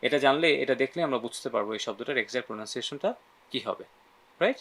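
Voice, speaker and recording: A man's voice: medium pitch, expressive, fast talker, fairly bright tone. Guy teaching english sounds, repeat after me drills, keeps asking right?. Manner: asks frequent "right?" check-ins. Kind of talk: phonetics lesson in Bengali mixed with English.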